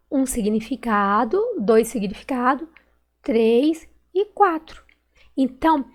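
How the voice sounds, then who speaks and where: A female primary school teacher from Brazil with a Minas Gerais accent in Brazilian Portuguese corrects exercises during a recorded online class. Her voice sits high, and she patiently stretches out words and syllables.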